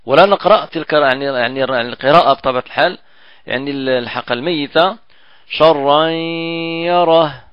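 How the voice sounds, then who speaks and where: A man's voice: mid-range voice, fast talker, no room sound. Man teaching, dull dry recording. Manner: explains patiently, repeating and drawing out example words. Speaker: Quran recitation teacher. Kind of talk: recorded tajweed lesson.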